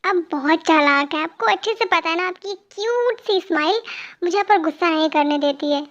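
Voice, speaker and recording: A woman's voice: very high voice, a little fast, dull audio. A woman voicing an angry, pregnant young wife who scolds her husband in an amateur fan dub. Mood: scolding. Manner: sharp, sulky scolding.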